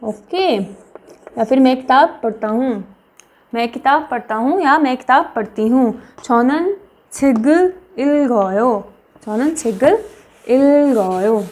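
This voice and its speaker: A young woman teaching a language lesson, repeating each word slowly for practice. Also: high-pitched, darkish tone. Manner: slow, repeats words for practice.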